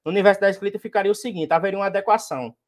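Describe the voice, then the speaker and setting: A poet with a Northeastern Brazilian accent lectures on poetic meter in a verse workshop, speaking rapid-fire in a high-pitched voice. Now and then he declaims verses with emphasis.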